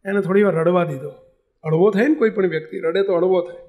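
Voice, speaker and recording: High pitched monk guy telling a story in his sermon, gets emotional and quiet. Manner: emotional, intimate, slows for emphasis.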